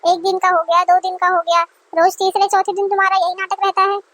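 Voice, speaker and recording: A woman voicing a nagging, quick-tempered middle-aged mother-in-law who scolds sarcastically, in a dry close recording. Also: very high voice, level tone, fairly bright tone, no room sound. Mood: scolding.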